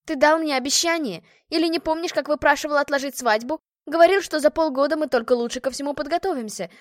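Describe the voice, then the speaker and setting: A woman's voice: sits high, animated, brisk, dry recording, studio quality, pitched above the performer's own voice. A woman reading the part of a proud, bitter young noblewoman who has been jilted, accusing and sarcastic in an audiobook.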